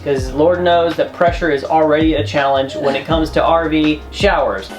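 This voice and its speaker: A man's voice: a little high, fairly even intonation, normal speed, over music. A man co-hosting a travel vlog, giving tips in a chatty, joking, emphatic way. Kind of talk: casual how-to chat.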